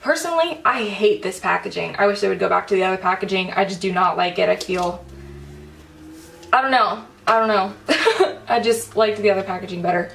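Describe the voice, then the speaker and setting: A woman's voice: medium pitch, fast talker, creaky, distant mic, slight background noise. A young woman chatting casually through a makeup tutorial at home, full of "like" and "um" fillers. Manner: chatty, filler-heavy, says "like" often. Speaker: beauty vlogger.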